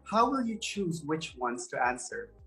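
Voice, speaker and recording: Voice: mid-range voice, big pitch swings, a little slow, bright, forceful tone, faint music behind. An interviewer putting formal, scripted questions to pageant contestants.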